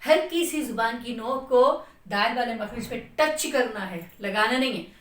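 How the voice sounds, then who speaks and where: A woman's voice: a little high, lively intonation, measured pace, a bit bright, echoey room, distant mic. A woman with a Pakistani Urdu accent teaching Quran recitation, patiently explaining where a letter is sounded and chanting long demonstrations of it. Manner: patient, repeats "theek hai" to check understanding. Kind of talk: tajweed lesson explaining letter articulation.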